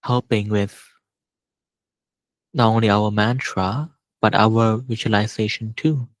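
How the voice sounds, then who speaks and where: Speaking softly and without rush, a man leads a guided meditation with long pauses between phrases. His voice is lowish with fairly even intonation. There's no room sound, though the audio quality is poor.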